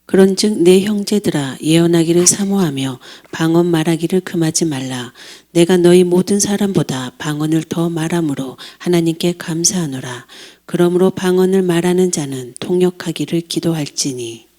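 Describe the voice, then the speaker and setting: A woman reading a Bible passage aloud in a measured, formal way during a sermon. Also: fairly low pitch, dark tone. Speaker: scripture reader.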